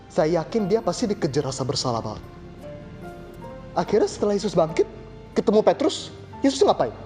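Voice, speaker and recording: A man's voice: high-pitched, big pitch swings, a little fast, mellow, faint music behind. A young man preaching a sermon in an easygoing, chatty way, full of rhetorical questions and slang.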